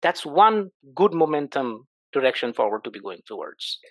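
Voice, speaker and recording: Animated, emphatic man, dry close sound. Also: medium pitch, moderate pace, dry recording. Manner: animated, emphatic, rhetorical questions. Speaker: startup CEO, podcast guest. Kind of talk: conversational interview answers.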